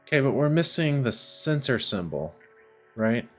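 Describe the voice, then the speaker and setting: Soft background music accompanies a man with a mid-range voice, big pitch swings, and a slightly slow pace. He hosts a video game playthrough, thinking aloud through a puzzle game in casual, hesitant, self-questioning commentary.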